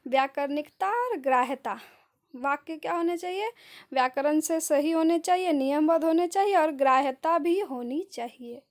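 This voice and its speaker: A woman's voice: high-pitched, moderate pace. A woman giving an exam-prep lecture on linguistics, asking rhetorical questions and answering them herself, with example sentences. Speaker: teacher.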